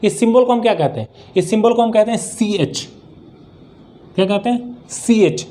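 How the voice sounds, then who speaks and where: A man's voice: sits high, normal speed, warm tone. A man teaching English pronunciation in a classroom style, asking questions and answering them himself. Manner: asks and answers his own questions, repeats words.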